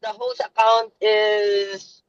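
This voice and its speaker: A man's voice: high-pitched, level tone, takes it slowly, smooth, dry recording, highs cut off. A man from the Philippines hosting a video meeting from his phone while driving, apologetic and flustered. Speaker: meeting host. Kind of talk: casual video call chat.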